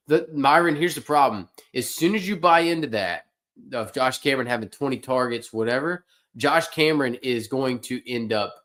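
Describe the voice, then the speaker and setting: Man, streamer, casual, opinionated, tired, yawning, mid pitch. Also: fairly bright tone. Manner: loose, opinionated, talks to chat. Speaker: fantasy sports livestream host. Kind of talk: casual livestream analysis.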